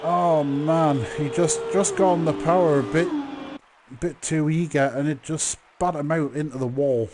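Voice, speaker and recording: A man commentating live on a motor race, calling the action in drawn-out phrases. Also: on the high side. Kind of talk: live online sim racing commentary.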